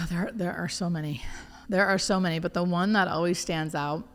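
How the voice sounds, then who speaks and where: A hospice nurse is interviewed in a large hall, her lowish voice at a moderate pace. She tells stories candidly and informally, expressively acting out bits of imagined dialogue.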